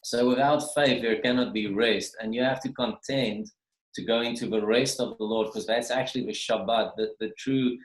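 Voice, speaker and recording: Casting: male minister, mid-pitched, loose teaching talk with many restarts, echoey room on a video call. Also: fairly even intonation, moderate pace. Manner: rambling, restarts and repeats words. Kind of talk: casual spoken teaching. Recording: roomy video call audio.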